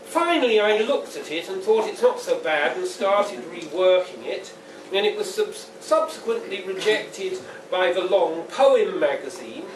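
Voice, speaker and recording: In an indoor pub, a high-voiced man reads poems at his book launch, starting with a casual introduction and keeping a deliberate, dry, wry tone. The audio comes from a distant mic and carries the echo and noise of a live room.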